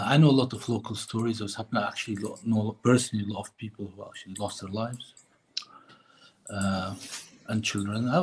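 A man's voice: fairly low pitch, a little mellow, breathy edge, poor audio. A middle-aged man from Lebanon, a filmmaker answering interview questions over a video call, talking hesitantly. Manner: hesitant, many fillers and restarts. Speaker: filmmaker guest. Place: room indoors.

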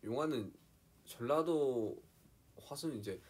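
A soft-spoken young man chatting casually on a live stream, slipping into quiet asides and playful dialect impressions. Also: medium pitch, slow pace, husky.

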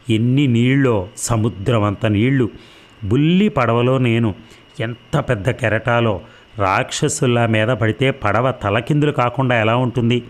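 A man narrating a novel aloud in a steady storytelling manner. His voice sits on the low side. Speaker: audiobook narrator.

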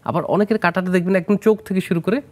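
Guesting on a studio health interview, a Bangladeshi plastic surgeon explains treatments in a high, steady male voice at a quick pace. He blends English medical terms into his explanations and asks the host questions.

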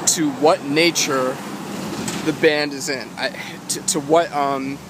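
A man's voice: a little high, steady tone, slow pace. Young New man, noisy street. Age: 20s. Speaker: guitar vlogger. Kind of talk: casual advice vlog. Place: outdoors walking along a city street. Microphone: phone at arm's length, wired earbuds in. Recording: loud wind and street noise on phone mic. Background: wind, traffic, urban ambience.

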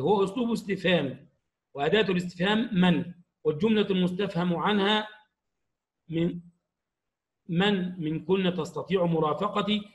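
Male teacher with a high voice, patient and explanatory, stresses each example word. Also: highs cut off. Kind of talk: grammar lesson for young pupils.

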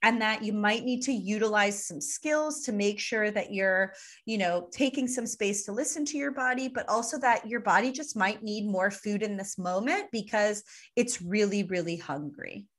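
A woman's voice: mid-range voice, normal speed. A woman co-hosting a podcast who explains ideas playfully with vivid analogies. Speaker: podcast co-host. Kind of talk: casual explanatory chat.

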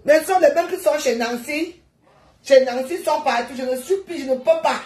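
A woman, hosting a heated live stream and scolding her viewers with rapid rhetorical questions. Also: high voice, a little mellow, roomy sound.

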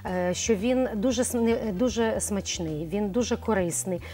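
A middle-aged woman appears as a cosmetologist guest on a morning TV show, explaining things chattily with frequent hesitations. Her mid-range voice is mellow and at normal speed, with soft music in the background of the studio conversation.

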